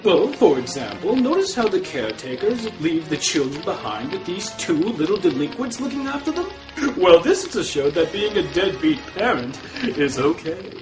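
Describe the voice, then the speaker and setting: A man's voice: high voice, sing-song. A man playing a gleeful, scheming male devil who cackles and draws out his words. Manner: cackling, drawn-out sinister delivery. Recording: echoey room, music behind.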